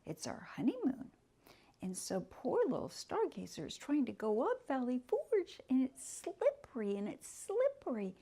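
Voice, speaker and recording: A woman telling a story aloud to children, stretching words for emphasis and asking them questions. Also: on the high side. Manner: animated, drawn-out emphasis, asks the children questions.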